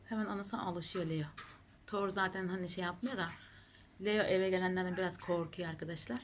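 A woman's voice: lowish voice, a little fast, a little hiss or hum. A woman filming her cats at home, cooing over them and chatting casually to her viewers. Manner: doting, gushing baby talk to her cats. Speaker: pet channel host. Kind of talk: casual home pet vlog.

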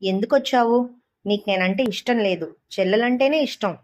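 A woman's voice: a little high, moderate pace, darkish tone, a little hiss or hum, lightly acted. Woman voicing a bitter, resentful grown son. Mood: reproachful. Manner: reproachful.

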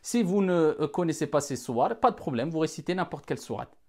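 A man's voice: on the high side, expressive, fast talker, darkish tone. A man giving a careful religious lesson, addressing the audience formally and repeating key points to stress them. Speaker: religious teacher.

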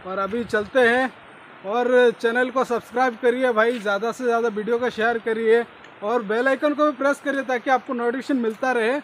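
A hoarse man co-hosting a travel vlog outdoors, talking loudly over a waterfall. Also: very high-pitched, steady tone, moderate pace. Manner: loud, speaking over the noise. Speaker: vlog co-host. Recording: noisy outdoor recording.

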